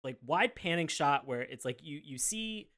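A man's voice: a little high, lively intonation, moderate pace, a bit bright. A man chatting casually and comedically as a podcast panellist, rambling along and acting out imagined dialogue.

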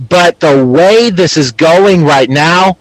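A man's voice: fairly high pitch, slow pace, no room sound, rough recording. A man co-hosting a podcast, giving blunt opinions in casual wrestling chat. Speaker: podcast co-host.

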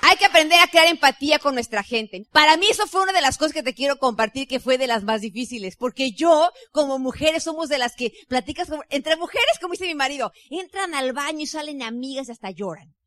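A woman with a Mexican accent delivers a motivational talk on leading a sales team. Her voice sits high and bright, and she keeps turning to the audience in a chatty, lively way. The sound is dry and close. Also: a little fast, hardly any pauses, dry recording. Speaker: network marketing leader.

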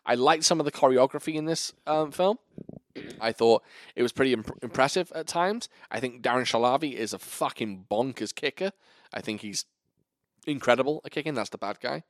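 A man hosting a casual film review chat, animated and profane, joking as he runs the talk. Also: medium pitch, fairly quick, dry recording, clean studio sound. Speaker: podcast host reviewing a film.

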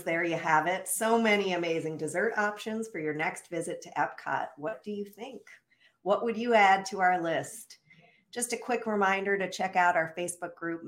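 A woman hosting a podcast in casual chat, agreeable and easygoing, wrapping up the show with reminders to listeners. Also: fairly low pitch. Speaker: podcast host.

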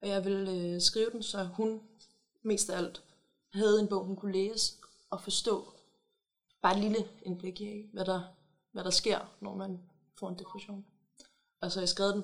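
A young woman reads the end of her own story and then talks about why she wrote it, halting a little when speaking freely. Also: mid-range voice, creaky. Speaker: author.

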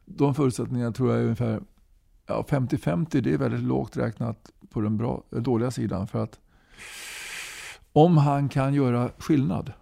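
A man's voice: mid-range voice, vocal fry, mellow, no room sound, clean studio sound. A man in his sixties, a talkative interview guest who keeps tagging his sentences with a questioning "va?". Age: 60s. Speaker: guest, musician and movement leader. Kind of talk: casual conversational interview.

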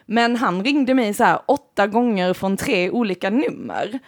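A woman telling stories in a casual podcast chat, swearing and laughing often. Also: mid-range voice. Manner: animated storytelling, swearing, frequent laughter.

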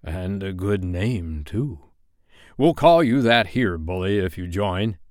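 A man voicing a gloating, menacing pirate captain who draws out his words slowly in a storybook reading. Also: deep voice, animated, a little mellow, dry recording, studio quality. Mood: sly coaxing. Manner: slow, drawn-out, roaring or syrupy menace.

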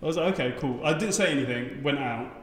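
Animated comedian man, echoey room. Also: mid-range voice, fast. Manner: animated storyteller, swears freely. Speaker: stand-up comedian. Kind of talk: casual chat. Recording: echoey room with long reverb.

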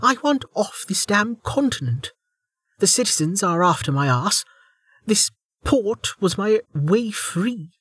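A man voicing a furious, cornered female rogue warrior who snaps and hisses her words through her teeth, speaking well above his own pitch. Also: measured pace, hardly any pauses, sharp tone, breathy edge, no room sound, clean studio sound, heavily acted. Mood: angry.

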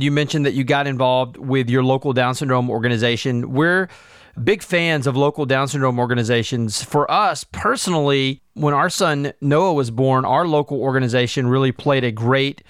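Smooth-voiced male podcast host. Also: mid-range voice, fairly quick, a bit bright, no room sound, clean studio sound. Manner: earnest and encouraging. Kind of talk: podcast interview.

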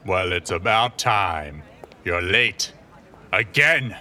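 An impatient office owner, as a narrator puts him on, scolding in a bright, tense voice. His barking lines sit over faint street-like noise. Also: lowish voice, moderate pace.

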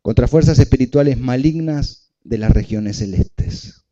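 A man's voice: medium pitch, unhurried, warm tone, dull audio. Man preaching with emphatic repetition. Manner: emphatic preaching, repeats phrases, asks the congregation questions. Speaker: pastor. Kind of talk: sermon.

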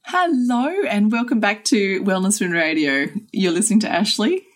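A woman with an Australian accent and a croaky, froggy voice, co-hosting a podcast in casual chat. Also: mid-range voice, animated, moderate pace. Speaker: podcast co-host.

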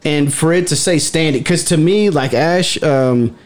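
A man from a paranormal investigation team talks in a slightly high voice at a measured pace during a casual group discussion. He's emphatic and repetitive, often restarting and repeating himself.

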